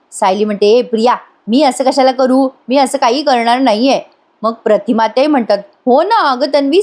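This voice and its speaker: Woman, fairly high voice, narrated serial recap, voicing quoted dialogue. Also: darkish tone. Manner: retells scenes, briefly voicing each character. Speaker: TV serial reviewer. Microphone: voice-over.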